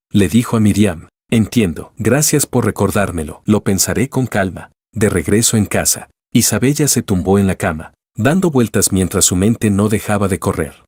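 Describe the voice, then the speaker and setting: Low husky male storyteller. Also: darkish tone, dry recording, studio quality. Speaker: narrator. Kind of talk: scripted story narration.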